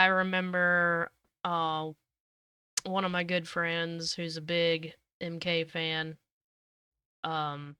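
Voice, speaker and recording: A woman's voice: on the low side, pushed and bright, clear, resonant tone, dry recording, studio quality. A woman chatting casually as she reacts to a video.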